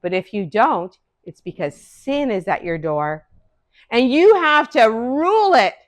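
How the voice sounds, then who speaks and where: A woman voicing God as a solemn, stern male judge, speaking slowly and gravely to children. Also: fairly high pitch, very animated, pitched above the performer's own voice.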